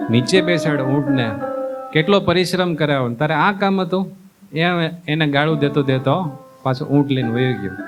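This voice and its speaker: A man with a fairly high voice delivers a folksy sermon as a monk. He acts out the characters in his stories and keeps asking his listeners questions. Guitar music plays clearly behind him. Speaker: monk giving a discourse. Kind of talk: sermon with storytelling.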